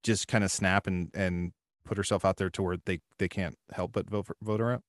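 A man's voice: low voice, fairly even intonation, a little fast, no room sound, clean studio sound. A man in casual podcast chat who rambles and hedges, thinking aloud as he talks.

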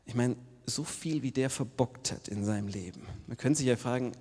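Male pastor, middle-pitched, casual storytelling sermon with loud and whispered swings, long church-hall reverb. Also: moderate pace.

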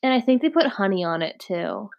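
A woman's voice: mid-range voice, sing-song, fairly quick, gravelly, lo-fi sound. A young woman co-hosting a casual podcast chat, leading the topic list, with a lot of hesitant "um" and "like" fillers. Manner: hesitant, lots of "um" and "like".

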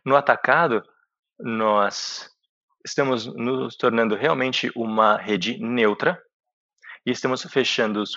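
A Brazilian man interpreting a business presentation live, with halting phrasing. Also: mid-range voice, fairly even intonation, pushed and bright. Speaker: simultaneous interpreter for an executive. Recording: dull, echoey conference call audio.

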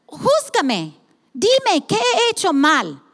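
A woman's voice: very high voice, wildly swooping pitch, very slow, long reverb tail. A woman pastor preaching an impassioned sermon, with many restarts as she talks.

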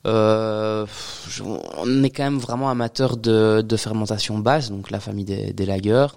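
A man's voice: fairly low pitch, fairly even intonation, normal speed, creaky, darkish tone. A man, a brewery guest on a podcast, explaining at length in casual talk, with many fillers and phrases ending in "quoi". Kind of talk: casual interview chat.

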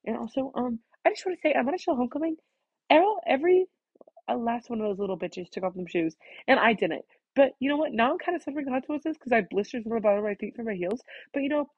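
Nasal, gravelly teen girl rambling. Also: on the high side, lively intonation, no room sound, dull audio. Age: teens. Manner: fast-talking, scattered, full of "like". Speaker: student vlogger. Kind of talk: rambling casual monologue.

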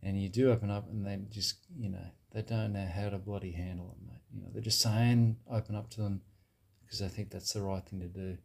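A man playing a blokey Australian bro who gives dubious advice in a satirical monologue, with a husky, laddish way of talking. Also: fairly low pitch, steady tone, fairly quick, a little mellow. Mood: matter-of-fact. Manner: laddish, drops "mate" and "bloody" constantly.

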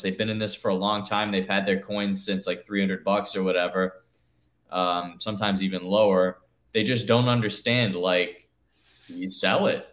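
A man's voice: on the low side, fairly bright tone. A man co-hosting a casual chat, talking in a loose, rambling way full of "you know". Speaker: podcast co-host. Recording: echoey room.

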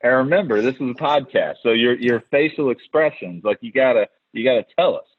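In a casual podcast chat, a male host with a medium-pitched voice tells stories at a fairly quick pace. He animatedly performs the voices of the people he's quoting and restarts often, all on a tinny, dry, phone-like recording.

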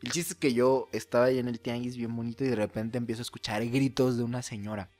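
A man's voice: medium pitch, steady tone, quick pace, darkish tone, faint music behind. A young man from Mexico with a Mexican accent, co-hosting a podcast in casual, joking chat and laughing often. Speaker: podcast co-host.

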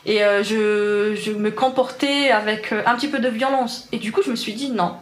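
Giving personal testimony in an interview, a young Algerian woman who works as an engineer speaks accented French, though Arabic is her native tongue. Her fairly high voice holds an even intonation at a moderate pace, and the recording is reverberant.

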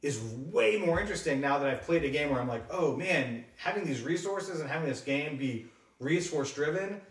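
A man co-hosting a podcast, thinking out loud in a rambling, casual way. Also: fairly high pitch, expressive, brisk, far from the mic. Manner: rambling, thinks aloud with fillers. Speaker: podcast co-host. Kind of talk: casual board game podcast chat. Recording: roomy sound, a bit off mic.

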